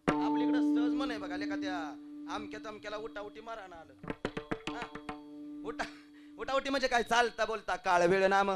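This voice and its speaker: A man preaching a devotional kirtan sermon, declaiming loudly and then dropping to hushed asides. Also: sits high. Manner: declaiming, swings between loud proclaiming and hushed asides.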